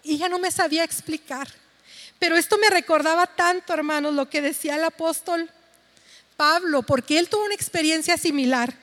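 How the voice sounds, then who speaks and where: A woman's voice: very high-pitched, a little fast, fairly bright tone. A middle-aged woman, earnestly and tenderly giving a testimony to her church congregation. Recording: long hall reverb.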